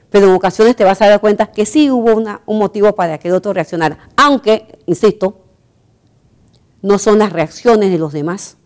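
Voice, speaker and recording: A woman's voice: medium pitch, a little mellow. A woman giving a televised catechesis talk in an earnest manner, posing rhetorical questions and repeating phrases for emphasis.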